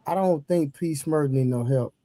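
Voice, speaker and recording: A man's voice: fairly high pitch, moderate pace, dark tone, no room sound. A man in his forties on a debate panel, joking and teasing the host. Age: 40s.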